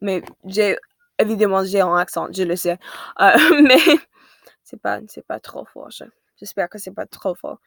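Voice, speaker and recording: Slow-paced, hesitant teenage American woman. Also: mid-range voice, animated, vocal fry, fairly bright tone, no echo, clean studio sound. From United States. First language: English. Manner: hesitant, searching for words and correcting herself. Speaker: vlogger. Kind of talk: casual chat to viewers in a second language.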